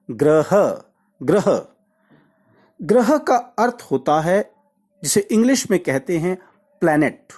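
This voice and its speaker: A man giving a pronunciation lesson at an unhurried, measured pace. His pitch rises and falls expressively as he stretches out each word and repeats it carefully for the listener to copy. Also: darkish tone. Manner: deliberate, repeats words slowly to model pronunciation. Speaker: Hindi diction teacher.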